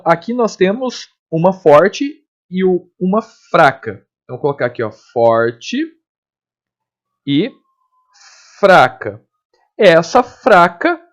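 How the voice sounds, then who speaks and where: A man with a Brazilian Portuguese accent teaching a grammar lesson, explaining step by step and often checking with the class. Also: a little high. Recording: dull lo-fi lesson recording.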